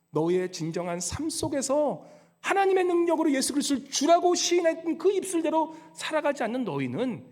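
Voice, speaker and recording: Animated high-voiced pastor preaching. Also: male voice, creaky, slightly rough. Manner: animated, swings between loud rebuke and hushed lows. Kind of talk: sermon. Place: church sanctuary.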